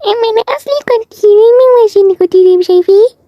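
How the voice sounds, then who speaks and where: A woman's voice: very high voice, rapid-fire, warm tone, no echo, lo-fi sound, voice pushed up. A woman voicing Dima, an affected young woman with an Egyptian accent who keeps changing her way of talking. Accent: Egyptian Arabic. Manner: affected, shifting sing-song delivery. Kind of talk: voice acting for a cartoon role-play video.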